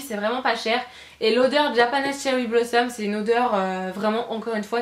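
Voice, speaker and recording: A woman's voice: a little high, reverberant. A woman beauty vlogger chatting casually through a shopping haul, gushing and repeating words for emphasis, with frequent hesitations. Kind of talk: casual haul video chat.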